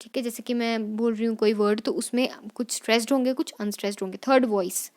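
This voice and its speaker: A woman teacher, going over exam questions in Hindi mixed with English, repeating each point and dictating definitions slowly. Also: fairly high pitch, steady tone, a little mellow. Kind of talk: exam revision lesson.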